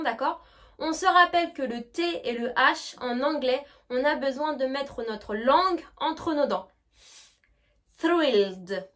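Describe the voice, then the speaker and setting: An English teacher with a French accent talks informally to the viewer during an online lesson, elongating each model word so it's easy to repeat. She has a high, light voice that's a bit bright.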